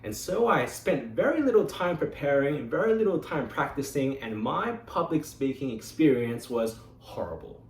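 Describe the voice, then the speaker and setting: Standing away from the microphone in a reverberant meeting room, a medium-pitched man gives a prepared club speech. He's Australian, in his 20s, a native Mandarin Chinese speaker, and tells his story with lively expression and dramatic pauses.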